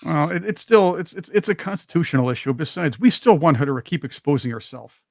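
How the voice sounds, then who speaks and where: A male co-host speaks in an indignant, stammering way, often restarting his sentences. His voice is fairly high and gravelly, and it sounds very dry and close. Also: animated, brisk, no room sound. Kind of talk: casual political talk show chat.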